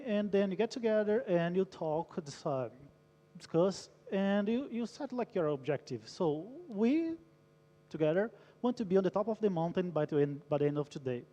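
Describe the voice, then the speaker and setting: With a high, mellow voice and the top frequencies cut off, a Brazilian man speaks at a conference. His talk is engaging, featuring an audience poll and a story, and a long reverb from the large hall surrounds it.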